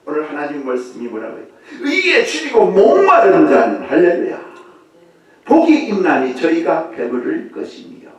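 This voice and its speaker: Male pastor, high and lively voice, emphatic sermon, distant mic in a very echoey church. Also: normal speed. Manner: emphatic preaching with sudden shouted rises. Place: church sanctuary. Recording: very echoey church hall, voice from far off.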